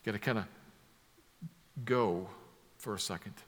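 A man preaching a sermon, drawing listeners into vivid scenes, moving from hushed asides to loud emphatic lines. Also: lowish voice, moderate pace, in a large hall. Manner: emphatic, builds from soft to loud with vivid imagery.

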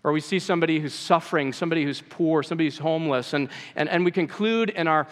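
A man's voice: fairly high pitch, fast. A man preaching a sermon earnestly, acting out voices from the scripture he retells. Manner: earnest, acts out quoted voices. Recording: long hall reverb.

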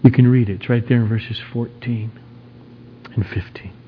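A man preaching an expository sermon in an emphatic, dramatic manner, with rhetorical questions and swings between hushed and forceful delivery. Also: medium pitch, steady tone, moderate pace, a little hiss or hum. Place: large reverberant room. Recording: dull, echoey large hall.

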